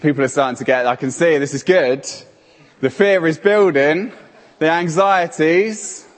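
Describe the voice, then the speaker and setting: On the high side and a little slow, a man's voice carries through a church hall via handheld mic as he gives an interactive sermon. He's playful and animated, calling on people by name, and the room adds reverb.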